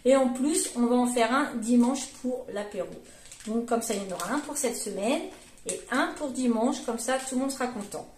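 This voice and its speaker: At a normal speed, a vlogger mom in her forties chats loosely about her grocery haul, her voice somewhat high and a little mellow. She fills the ramble with fillers and self-corrections; the room echoes and a faint hiss or hum is present.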